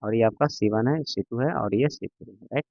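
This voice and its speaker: A man's voice: mid-range voice, normal speed, creaky, no room sound. Patient male maths teacher, lo-fi. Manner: patient, repetitive, keeps checking students understand. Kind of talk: classroom lecture. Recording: dull lo-fi sound, dry.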